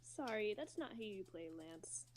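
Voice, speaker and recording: A woman reading the part of a friendly, teasing young man in an amateur fan fiction reading, with quick, quiet jabs. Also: mid-range voice, animated.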